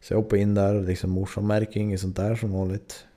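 A man's voice: fairly low pitch, little pitch movement, dark tone. A man in his twenties from Sweden, a podcast host telling a story in a loose, rambling way, full of fillers and swearing. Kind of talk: casual storytelling.

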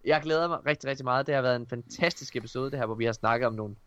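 A man's voice: medium pitch, a bit bright, dry recording, muffled recording. A man hosting a podcast in a casual, informal, joshing way. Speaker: podcast host. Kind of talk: casual chat.

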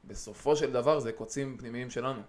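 A man's voice: medium pitch, steady tone, a little mellow. A young man on a podcast, chatting casually and reflecting on setting limits with customers. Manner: reflective, explains his views on customers and anger. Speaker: podcast co-host. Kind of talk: casual chat.

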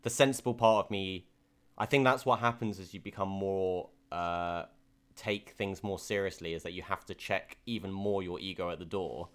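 Speaking at a moderate pace in a low-pitched voice, a young man tells his race stories on a podcast he co-hosts. The chat is casual and candid, full of fillers and restarts.

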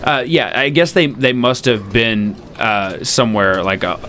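A man's voice: fairly low pitch, unhurried, pushed and bright, a little hiss or hum. A man casually critiquing a movie with a friend, rambling, swearing and losing his thread. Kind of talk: casual movie review chat.

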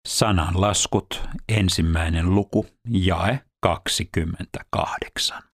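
A man reading scripture aloud in a measured, even scripted delivery. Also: sits low. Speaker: scripture reader.

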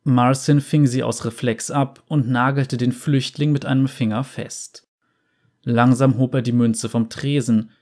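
A man narrating a fantasy story in a calm, steady voice. His pitch sits in an ordinary middle range. He reads evenly and with care, as in a book read aloud. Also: a little slow.

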